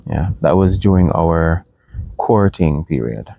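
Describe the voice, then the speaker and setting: A young man, reserved and halting, co-hosting a casual chat and recalling his schooling. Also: low-pitched, gravelly, dark tone, no echo, lo-fi sound. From Jamaica. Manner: reserved, halting with many ums. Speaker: co-host of a couple's channel.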